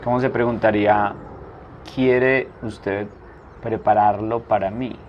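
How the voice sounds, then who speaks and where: A man teaching a language lesson, asking a prompt and then saying each answer slowly twice. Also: lowish voice, steady tone. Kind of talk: slow spoken drill lesson. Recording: dull lo-fi recording with faint noise.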